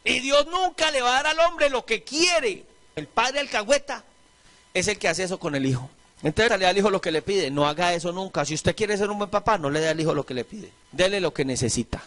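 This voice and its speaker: A middle-aged Colombian pastor with a high, bright voice delivers a lively sermon. He shifts into little voices to mimic churchgoers and disciples, then snaps back to preaching. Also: brisk. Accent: Colombian Spanish.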